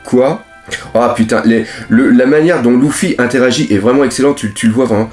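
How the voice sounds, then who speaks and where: A man in the middle of his usual pitch range reads a comic chapter aloud live and reacts as he goes. He is excitable and exclaims and swears often. Faint music plays underneath him. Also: fairly quick. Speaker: manga reaction host.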